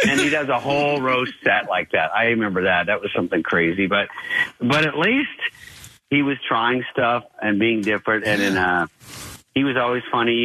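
A man guest swapping comedy stories in a casual chat, animated and voicing others as he tells them. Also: lowish voice, no echo, rough recording. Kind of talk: casual anecdote telling.

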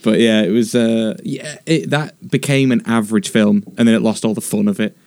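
Low-voiced man with dry opinions. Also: fairly even intonation, normal speed, a little mellow, dry recording. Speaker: podcast guest. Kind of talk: casual comedic chat.

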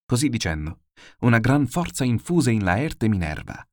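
A man reading classical epic verse aloud in a steady, declamatory way. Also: mid-range voice, moderate pace, dry recording, clean studio sound. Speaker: narrator.

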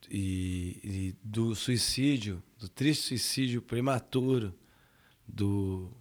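Male TV reporter, put on by a man, solemn, deep, slow, Brazilian accent. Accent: Brazilian Portuguese. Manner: slow, halting, grave delivery.

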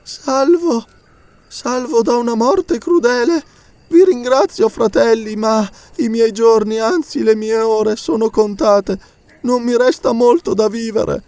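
A man reading an audiobook, voicing a dying elderly missionary priest who speaks faintly and slowly. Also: extremely high pitch, darkish tone, dry recording, voice pushed up, full character voice. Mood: feeble. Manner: faint, slow, breathless.

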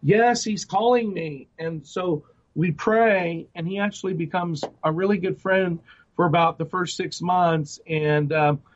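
An earnest middle-aged man recounts his life story in an interview, his voice sitting a little high for a man. He talks in a searching way, full of fillers and restarts. The recording sounds dull and lo-fi. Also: fairly even intonation, measured pace, a little hiss or hum. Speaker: guest ministry director. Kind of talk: personal testimony interview.

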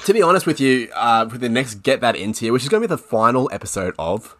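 A man's voice: mid-range voice, very animated, fast, fairly bright tone. A man co-hosting a podcast, chatting casually and explaining at length, laughing often. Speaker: podcast co-host. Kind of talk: casual chat.

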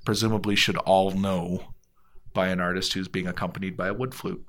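A man co-hosting a casual podcast chat in a dry, monotone way. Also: sits low, fairly quick, a crowd in the background. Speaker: podcast co-host.

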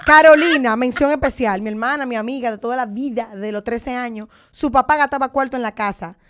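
A woman tells animated stories at a quick clip in a casual podcast chat. Her voice sits high. Clear background noise runs under the recording. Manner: animated storyteller, jumping in often.

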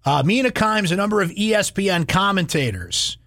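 Animated, high-voiced male sports radio host. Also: brisk, no echo, studio quality. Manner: emphatic, playful, repeats phrases for effect.

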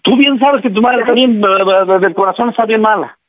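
A man's voice: high voice, a little fast, no echo. A middle-aged man, a distraught father scolding and repeating himself over a phone line. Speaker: prank call target, father.

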